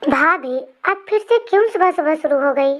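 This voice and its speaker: A woman's voice: high-pitched, lively intonation, normal speed, fairly bright tone. A woman voicing a remorseful young man who pleads with his lover, in an emotional fan storybook reading. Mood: uneasy.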